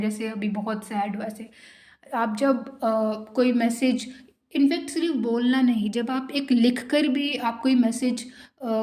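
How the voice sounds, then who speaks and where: A woman giving a university lecture, explaining each point step by step and reading out English points slowly. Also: on the high side, mellow. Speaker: teacher. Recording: echoey room.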